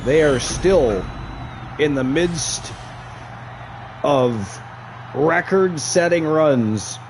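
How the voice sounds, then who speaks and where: A man's voice: on the high side, animated, very slow, background noise. A man doing lucha libre play-by-play as a wrestling announcer, drawing out key words for emphasis. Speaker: wrestling commentator.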